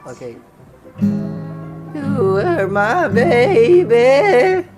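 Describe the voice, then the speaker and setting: A man's voice: very high-pitched, very animated, drawn-out words, over music. A man from Indonesia, casually chatting and teasing strangers over a video call. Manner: playful, teasing, laughs at his own jokes. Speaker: host singing to strangers on video chat. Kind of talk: casual video-chat banter.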